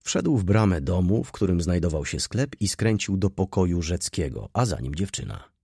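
A man reading a classic novel aloud in a measured, literary way. His voice is very low, dark and husky. It is recorded close and dry, with no room sound. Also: big pitch swings, dry recording. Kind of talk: audiobook narration of a classic novel.

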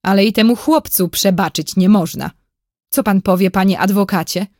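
A woman's voice: medium pitch, moderate pace, a little mellow, no room sound, studio quality, lightly acted. A woman reading a storybook, voicing a stern, grey-haired old male general who sits as judge and scolds.

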